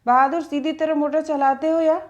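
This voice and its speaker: A woman voicing an impatient, quick-tempered young woman student who scolds her driver. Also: sits high, little pitch movement, voice pushed up, close to an everyday voice. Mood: scolding. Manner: scolding, irritated.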